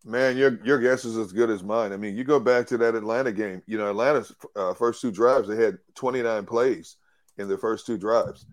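A man's voice: lowish voice, moderate pace. Man, sports talk co-host, emphatic, analytical, restarts often.

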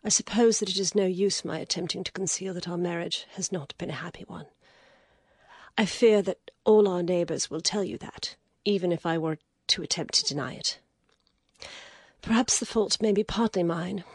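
A woman voicing a weary, proud young noblewoman in an audiobook, speaking in a hushed, whispery way. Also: fairly low pitch, normal speed, no echo, clean studio sound, voice pushed up. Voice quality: breathy, whispery. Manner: hushed and tired, rising to bitter outrage. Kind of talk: audiobook character voice.

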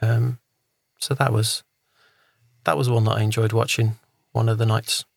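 A man's voice: fairly low pitch, steady tone, moderate pace, vocal fry, dry recording, studio quality. A man talking casually on a podcast, reviewing a show in a rambling, thinking-aloud way. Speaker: podcast co-host. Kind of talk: casual film review chat.

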